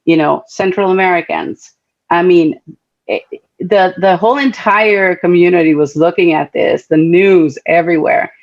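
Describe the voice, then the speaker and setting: Speaking at a moderate pace with a fairly low pitch and vocal fry, a middle-aged woman from Guatemala tells personal stories on a panel at a talk event. Her manner is earnest and heartfelt, conversational and full of fillers, and the audio is dull.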